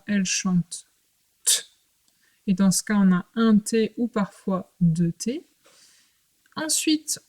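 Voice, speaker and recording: A woman's voice: a little high, a little mellow. Patient woman teaching young children. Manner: patient, clear, speaks to a young child, with pauses between short phrases. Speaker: primary school teacher. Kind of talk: recorded remote lesson for young children.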